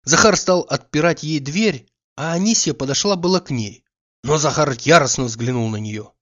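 A man reading a literary audiobook in a measured, calm storytelling manner. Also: on the high side, highs cut off. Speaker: audiobook reader.

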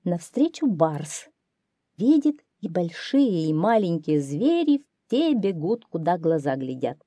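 A woman reading a children's fairy tale aloud in a calm, measured storytelling voice. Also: fairly low pitch, dry recording. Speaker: audiobook reader.

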